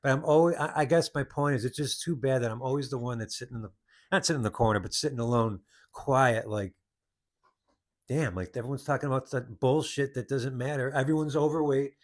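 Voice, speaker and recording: A man talks through a personal story on his own podcast, circling back and restarting his sentences as he goes. His voice sits at an ordinary middle pitch, and the delivery is loose and conversational. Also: a little fast. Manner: rambling storytelling with frequent restarts. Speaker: podcast host. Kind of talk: casual monologue.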